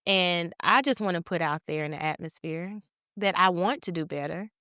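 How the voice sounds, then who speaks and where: Smooth-voiced soft-spoken woman guest. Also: fairly low pitch, moderate pace, dry recording, studio quality. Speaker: podcast guest. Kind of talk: casual chat.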